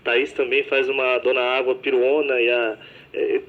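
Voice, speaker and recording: A man's voice: medium pitch, little pitch movement, normal speed. A man actor explaining plainly how he builds distinct voices for the characters he plays. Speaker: stage actor. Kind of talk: interview guest chat. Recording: dull radio audio.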